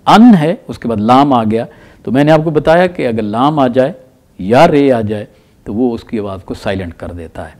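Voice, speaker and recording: A middle-aged man teaching recitation rules, explaining slowly and repeating examples with drawn-out chanted words. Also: mid-range voice, lively intonation, darkish tone. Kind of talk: tajweed lesson.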